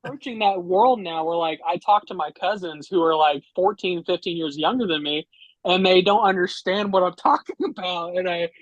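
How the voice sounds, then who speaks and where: A man's voice: high-pitched, normal speed, dry recording, muffled recording. A man in his late twenties co-hosting a podcast, joking and stammering over restarts as he chats. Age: late 20s. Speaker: podcast co-host. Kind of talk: casual interview chat.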